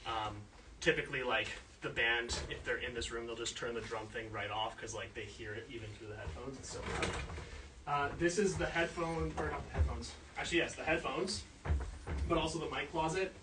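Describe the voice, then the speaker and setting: A studio engineer walks people through a recording studio, speaking briskly in a mid-range voice and rambling loosely with lots of filler. The mic is placed at a distance, so the audio sounds roomy, and the background is noisy.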